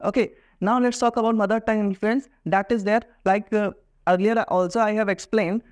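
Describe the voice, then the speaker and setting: A man's voice: high-pitched, fairly even intonation, extremely slow, smooth. Indian man teaching in mixed Hindi-English. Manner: explanatory, mixes Hindi and English, acts out example voices. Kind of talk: lesson.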